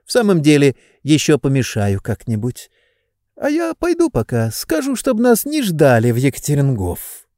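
A man voicing a meek, obliging male clerk who speaks softly and deferentially, in an audiobook reading. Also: on the high side, huge pitch swings, normal speed, no echo, studio quality, voice pushed up. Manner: soft, timid, deferential.

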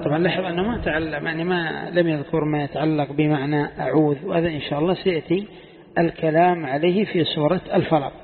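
A sheikh leads a lesson on Quran commentary and keeps throwing questions at his students, repeating phrases to drive them home. His voice sits fairly high. The recording is thin and phone-like, with a long reverb trailing behind him. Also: steady tone, fast talker. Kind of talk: classroom lesson. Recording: tinny phone-like sound in a long-reverb hall.

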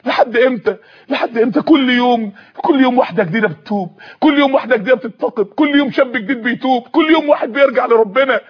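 Impassioned Egyptian preacher, high and fast. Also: male voice. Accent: Egyptian Arabic. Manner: impassioned, pleading, voice breaking into tears. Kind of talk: emotional sermon storytelling. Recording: muffled lo-fi recording.

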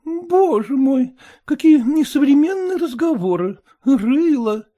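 Brief: reader putting on a pert young daughter, early twenties, affected and prim, high voice. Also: female voice, lively intonation, slow, dark tone, dull audio.

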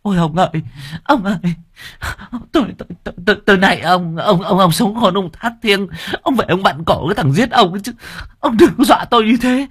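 Guy voicing a plump village woman wailing and howling, way up high. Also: a little fast, fairly bright tone, slightly rough, dry recording, clean studio sound. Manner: shrill wailing. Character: stout middle-aged village woman wailing for her husband.

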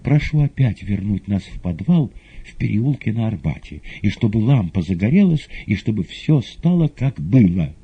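A man's voice: on the low side, very animated, moderate pace, hardly any pauses, mellow, husky, voice pushed up, heavily acted. A man voicing a passionate young woman pleading in an audiobook. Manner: pleading, breathless. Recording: dull lo-fi audio.

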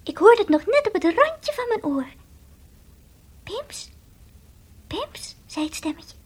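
A woman's voice: very animated, slow, exaggerated voice. Bims, a woman playing a tiny toy dog. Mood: hushed. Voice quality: high childlike voice, drops to whispers. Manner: earnest, confiding storytelling. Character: small timid toy dog, childlike. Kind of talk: 1960s radio drama acting.

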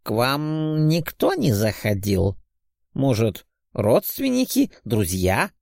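A man's voice: mid-range voice, huge pitch swings, slow, creaky, darkish tone, dry recording, clean studio sound, heavily acted. A man voicing a polite, curious old doctor.

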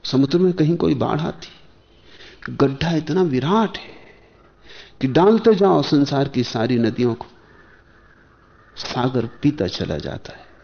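A spiritual teacher, a man, speaks in slow, measured phrases, pausing often and posing rhetorical questions. His voice has a gravelly edge at mid pitch. The sound is muffled and lo-fi, like an old archival lecture tape. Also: very animated. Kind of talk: spiritual discourse.

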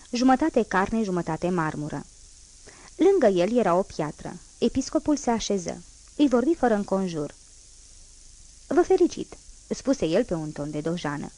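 A woman reads a classic novel aloud as an audiobook narrator. Her delivery is measured and even, with a middle-pitched voice. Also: rough recording. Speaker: audiobook reader.

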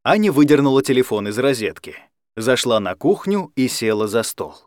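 A man narrating an audiobook in an expressive storytelling manner. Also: medium pitch, moderate pace, dry recording. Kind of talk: scripted narration. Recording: dry close studio sound.

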